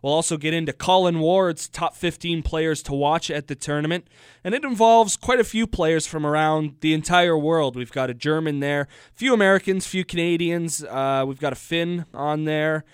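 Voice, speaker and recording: A man co-hosting a casual hockey talk show in a fairly high, clear voice. The sound is dry and close, and he gets animated and worked up when he makes his case. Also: normal speed, dry recording. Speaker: podcast co-host.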